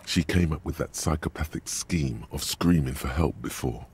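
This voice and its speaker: A deep gravelly game narrator. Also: male voice, darkish tone, exaggerated voice. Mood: calm coaching. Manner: grave, measured, coaching. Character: man, stern inner narrator voice of a detective. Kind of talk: video game voice acting.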